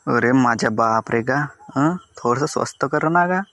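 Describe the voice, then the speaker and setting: A man's voice: mid-range voice, unhurried, fairly bright tone, dry recording. A man voicing a stingy, haggling village customer with a Vidarbha Marathi accent. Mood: wheedling. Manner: wheedling, haggling.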